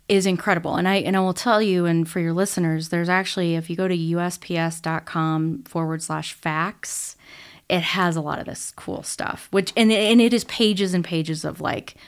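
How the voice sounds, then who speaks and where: A woman's voice: on the low side, clear, resonant tone. A middle-aged woman guest in a podcast interview, answering eagerly and sharing historical facts with many fillers. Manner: enthusiastic, fact-filled, uses fillers. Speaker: guest, postal service governor.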